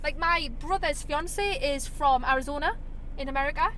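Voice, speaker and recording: A woman's voice: high voice, moderate pace, bright, forceful tone. A woman with a Geordie accent co-hosting a podcast with playful, teasing banter and street interviews, given to exclamations. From North East England. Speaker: podcast co-host. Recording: noisy car and street background. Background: car and outdoor city noise.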